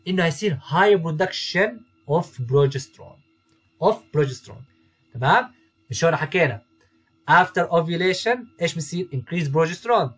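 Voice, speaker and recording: A man's voice: a little high, animated, measured pace, a bit bright, slightly rough, soft background music. A young man tutoring veterinary students over slides, repeating key terms and checking in often. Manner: mixes English medical terms into Arabic. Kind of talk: recorded lecture over slides.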